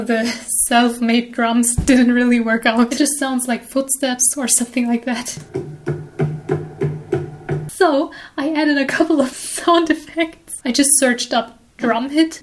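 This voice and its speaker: Woman, animator, casual voice-over, high voice, chatty, self-deprecating. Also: background noise. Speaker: animator and video creator.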